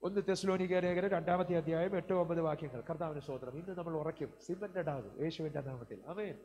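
High-voiced male preacher in a reverberant hall. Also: fast talker, darkish tone, lo-fi sound. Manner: preaching with frequent amen and praise interjections. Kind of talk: sermon. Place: community hall. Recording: hall reverb, faint hum.

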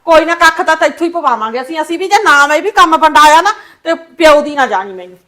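A woman's voice: high voice, animated, quick pace, bright, forceful tone. A woman with a Punjabi accent acting a blunt sister-in-law in a short film, scolding about chores. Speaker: sister-in-law in a village household.

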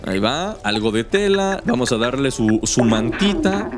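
A man's voice: mid-range voice, sing-song, normal speed, loud music behind the voice. A young man giving casual, joking gameplay commentary full of slang. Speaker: gaming youtuber.

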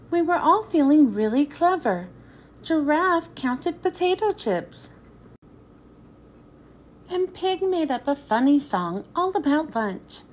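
A woman reads a children's picture book aloud with expressive, storytelling flair, then thanks her listeners. Her voice is high-pitched, and there's a slight hiss or hum in the recording.

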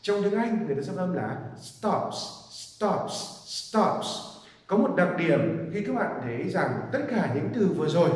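A man teaching English pronunciation, slowly repeating each word several times. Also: a little high. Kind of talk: pronunciation lesson. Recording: echoey hall from far off.

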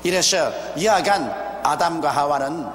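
Older male preacher at a pulpit mic, measured delivery with rhetorical questions, long church reverb. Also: a little high, expressive. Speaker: pastor. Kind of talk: expository sermon. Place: large church sanctuary, behind a wooden pulpit. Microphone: pulpit microphone. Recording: roomy, echoey hall with faint ambience, older broadcast video.

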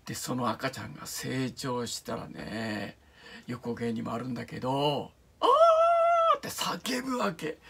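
A man hosting his own channel, telling a film's setup in a casual review and often dropping into a hushed whisper for the eerie parts. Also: fairly high pitch, vocal fry, breathy edge. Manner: animated storytelling, often drops into hushed whispers. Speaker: channel host reviewing films. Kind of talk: casual film review talk.

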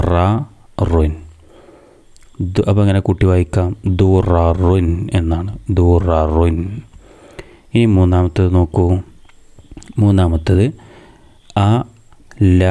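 Malayali guy teaching little kids to read, deep dark voice, goes letter by letter slow. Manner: slow, syllable-by-syllable spelling with repeated questions. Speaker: madrasa teacher. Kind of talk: step-by-step reading lesson for young children.

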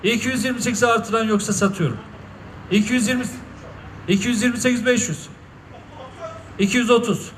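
A man's voice: very high voice, fairly even intonation, fairly quick, long pauses, a bit bright. A man working as an auctioneer, calling bids at a live auction with repeated figures and last-chance calls. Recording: echoey noisy room, distant mic.

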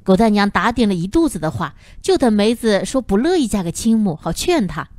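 A woman reads a novel aloud as an audiobook narrator, with a lively voice that moves freely up and down in pitch. Her storytelling is expressive, and the recording is dry and close. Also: brisk, no echo.

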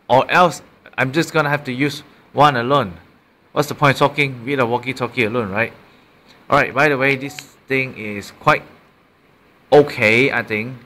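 Recorded on a handheld camera's built-in mic at a desk in a small room, a Malaysian-accented man casually demonstrates a gadget as an amateur reviewer. He speaks off the cuff, repeating and correcting himself, in a medium-pitched, pushed and bright voice.

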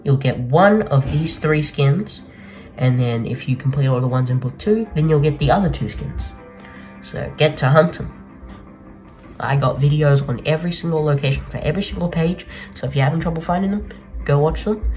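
In a poor-quality recording, a young man with a slightly mellow, somewhat high voice talks over a game. He's a gaming video host addressing viewers in a relaxed, slangy way from a small bedroom, with music behind him.

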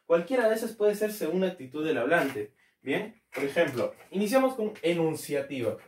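A man teaching a grammar lesson, checking in with his listeners often and repeating key terms slowly. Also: a little high, big pitch swings, distant mic, slight background noise. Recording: echoey room, voice off-mic.

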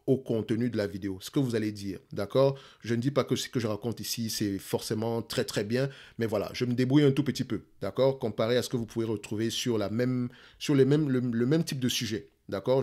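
A man's voice: medium pitch, brisk, hardly any pauses, dark tone. A man with a Cameroonian French accent talking casually to his viewers, with a slight stutter and many repeated words. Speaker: investing YouTuber.

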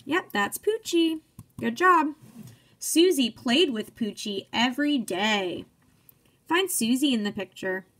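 Here a young woman teacher reads a children's picture book aloud and asks the listeners questions. Her high-pitched voice is expressive and a bit bright, moving up and down with plenty of melody at a slow pace, and her words stay simple and encouraging for early readers.

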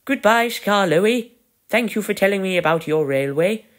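A man's voice: sits high, animated, moderate pace, voice pushed up. A polite, kindly storybook engine as a man puts him on. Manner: polite, gentle. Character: kindly, grave male tank engine, polite. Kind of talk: storybook character voice.

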